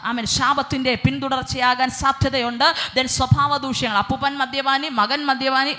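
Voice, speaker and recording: Woman preacher, Malayali accent, bright tone, slightly high voice, hallelujah-filled sermon. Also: level tone, normal speed, soft background music. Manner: peppers speech with hallelujah and English fillers; asks the congregation questions and answers them.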